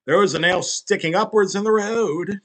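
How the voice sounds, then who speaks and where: A man's voice: high-pitched, moderate pace, fairly bright tone. A man narrating a parody creepypasta with crude, sarcastic, profane asides.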